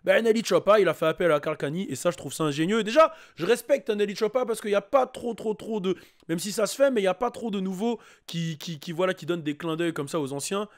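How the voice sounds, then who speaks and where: A man hosting a YouTube reaction video, talking casually and excitedly to his viewers with lots of fillers. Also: high voice, fast. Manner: excitable, hyped, chatty with many fillers.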